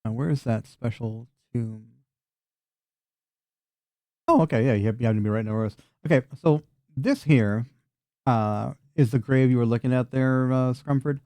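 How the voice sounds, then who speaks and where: A man's voice: medium pitch, normal speed, long pauses, dark tone, no room sound. A man narrating a tabletop fantasy game as game master, in a casual, chatty, sweary style.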